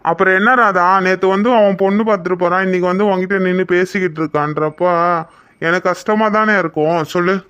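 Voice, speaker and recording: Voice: mid-range voice, fairly even intonation, fast talker, a bit bright, clean tone, no echo, lo-fi sound, close to an everyday voice. A voice actor playing a young man in a cartoon who is protective of the woman he loves, teasing and possessive by turns. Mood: jealous. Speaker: cartoon character. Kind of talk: Tamil cartoon voice acting.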